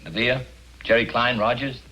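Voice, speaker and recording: An actor playing a weary insurance investigator in a 1950s film, dry and laconic. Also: male voice, mid-range voice, fairly even intonation, moderate pace, sharp tone, poor audio. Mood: tense. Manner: wry, laconic.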